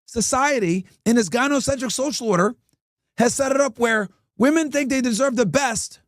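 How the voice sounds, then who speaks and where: A man's voice: extremely high pitch, moderate pace, dry recording, studio quality. A podcast host, a man, delivering crude, profane, preachy commentary and speaking straight to his chat. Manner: addresses chat directly. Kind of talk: ranting commentary.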